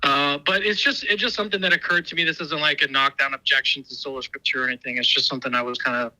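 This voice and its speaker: A man's voice: mid-range voice, steady tone, rapid-fire, bright, forceful tone, rough recording. A man calling in to a show and heard over a speakerphone, talking thoughtfully and hesitantly with many fillers. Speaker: guest calling in. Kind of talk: casual call-in conversation. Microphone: phone call played over speakerphone.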